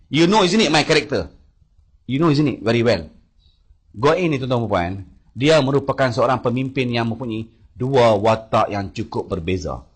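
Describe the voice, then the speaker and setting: A man's voice: on the low side, husky. A man with a Malaysian Malay accent giving a public speech, telling a personal account with emphatic storytelling and English words mixed in. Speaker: speaker addressing a rally audience.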